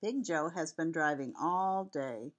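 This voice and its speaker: Low-pitched and measured, an older woman reads a children's picture book in a cosy, chatty manner, sounding like a sweet grandmother battling a cold with a cough. The audio is dull.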